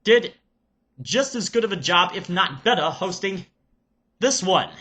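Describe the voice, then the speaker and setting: A man playing an excitable TV reviewer character with a Serbian accent, exclamatory and halting as he reviews. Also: sits high, full character voice. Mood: excited. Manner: loud, exclamatory, halting with ums. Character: excitable male Nickelodeon reviewer character, the Nutcase.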